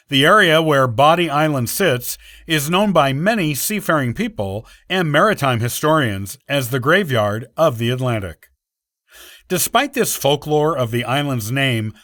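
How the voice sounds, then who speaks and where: A man reads a scripted history piece in a steady, prepared delivery. His voice sits a little high and moves in lively swoops of pitch. The sound is dry and close, with no room around it. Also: no room sound. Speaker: podcast host.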